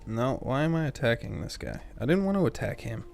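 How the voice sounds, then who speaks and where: A young man giving casual gameplay commentary, cursing offhandedly and reading the on-screen story aloud. His voice has a gravelly, creaky edge at an average pitch. He sounds relaxed and offhand. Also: a little fast, faint music behind. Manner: swears casually, reads game text aloud. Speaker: let's player.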